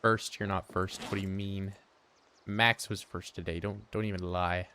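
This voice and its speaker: A man's voice: sits low, steady tone, normal speed, sharp tone, clear, resonant tone. A man giving casual live-stream commentary while he plays, joking dryly and answering his chat aloud. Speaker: game streamer.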